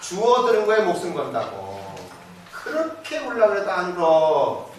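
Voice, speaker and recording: A man with a fairly high voice gives an animated live lecture, asking his listeners questions and answering them himself. He slips between casual speech and polite address. The recording is distant and very echoey, with steady hall noise behind him. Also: unhurried. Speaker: parenting lecturer.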